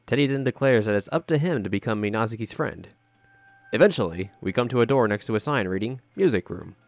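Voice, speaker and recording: A man hosting a game playthrough, reading the story text aloud in a plain, steady way. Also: on the low side, fast, soft background music. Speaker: let's-play host.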